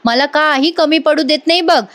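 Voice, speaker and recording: A woman voicing a fatherly older man, gentle, reassuring. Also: sits high, steady tone, normal speed, pitched above the performer's own voice.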